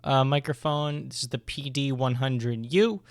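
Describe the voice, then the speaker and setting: A man's voice: mid-range voice, steady tone, measured pace, no echo. Casual man on a dry dynamic microphone. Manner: hesitant, rambling, loosely unscripted. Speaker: video host reviewing audio gear. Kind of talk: casual product review chat. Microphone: USB dynamic microphone on an arm.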